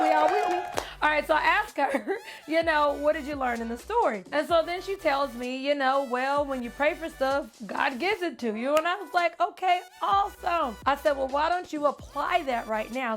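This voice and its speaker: High-voiced woman telling a lively story. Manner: animated, addresses viewers as y'all. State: close to tears. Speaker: vlogger and author. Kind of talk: casual storytelling to viewers.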